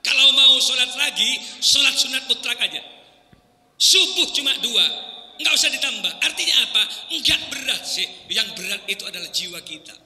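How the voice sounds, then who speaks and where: A male preacher gives an animated sermon and breaks into sung call-to-prayer phrases as examples. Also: extremely high pitch, normal speed. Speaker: Islamic preacher. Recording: echoey hall reverb.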